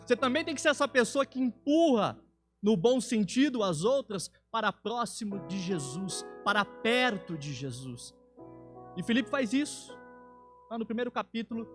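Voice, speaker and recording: A man's voice: sits high, fairly bright tone. A man with a Brazilian Portuguese accent preaching a sermon in a church, earnest and rising to emphatic peaks.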